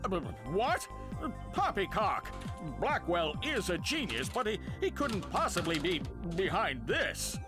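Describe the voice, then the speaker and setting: An actor playing an excitable elderly scientist with blustery, old-fashioned exclamations, in game audio over music. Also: male voice, high voice, unhurried.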